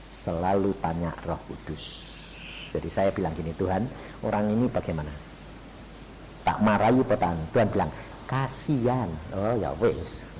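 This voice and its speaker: A man's voice: lowish voice, slight background noise, low-quality recording. A middle-aged man with a Javanese accent, an evangelist preaching a sermon who tells stories and acts out conversations while addressing his listeners directly. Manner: animated storytelling, acts out dialogues, addresses audience as "saudara".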